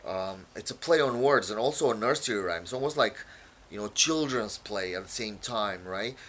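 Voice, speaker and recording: Explaining one of his own poems, this man from Romania stumbles along with frequent fillers and repetitions, Romanian being his first language. He has a fairly low, fairly bright voice and speaks expressively.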